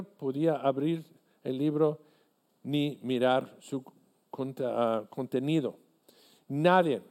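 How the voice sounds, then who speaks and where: Slow, mellow-voiced male preacher. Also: fairly high pitch. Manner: earnest, deliberate preaching with halting restarts. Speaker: pastor. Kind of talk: sermon.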